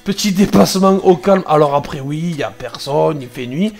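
Sarcastic, chatty trucker. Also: male voice, on the high side, expressive, fairly quick, vocal fry, a little mellow. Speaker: truck driver narrating dashcam clips. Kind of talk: casual commentary over dashcam footage.

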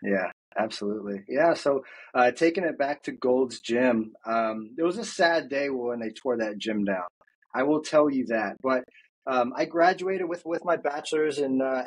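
A man in his thirties speaks as a guest over a video call, headphones on. His voice has a husky edge, and he recounts his path earnestly and thoughtfully, filling pauses with small fillers. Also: mid-range voice, low-quality recording. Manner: earnest, reflective storytelling with frequent fillers. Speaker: guest, fitness coach. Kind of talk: casual interview. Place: home office, indoors.

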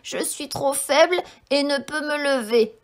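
A woman's voice: high-pitched, measured pace, pitched above the performer's own voice. A weak, bedridden old grandmother from a storybook, calling out from another room. A woman voices her in a thin, raised voice. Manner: calling out weakly from afar. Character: frail sick old grandmother.

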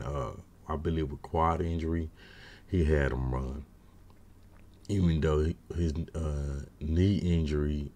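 A man in his thirties giving casual, opinionated postgame football commentary from a small room at home on a webcam, with lots of slang and fillers. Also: very deep voice. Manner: opinionated, gets loud and exasperated when ranting. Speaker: sports fan commentator.

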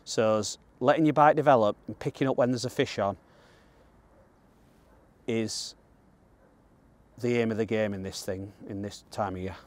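Fairly low in pitch, with fairly even intonation, a moderate pace and frequent pauses, this voice belongs to an angler from northern England, around thirty. He presents a fishing guide outdoors beside a pond, speaking in a plain, colloquial, matter-of-fact way as he fishes.

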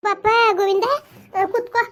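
A woman's voice: very high voice, level tone, moderate pace, a little mellow. A woman playing a middle-aged village aunty who soothes and advises a young wife in a comedy skit. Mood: consoling. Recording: dull lo-fi sound.

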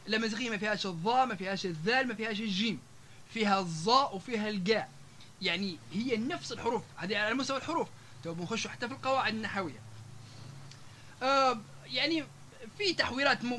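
A lecturer with a Libyan Arabic accent and a high, bright voice speaks fast to a live audience, stringing example words together between drawn-out "aah" sounds. Faint room noise can be heard behind him.

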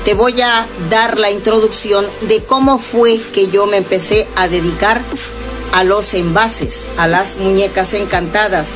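Slow, earnest woman with music underneath. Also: medium pitch. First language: Spanish. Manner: slow, earnest, inviting address to the viewer. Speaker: paranormal vlogger. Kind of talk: casual vlog narration. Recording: clear music playing under the voice.

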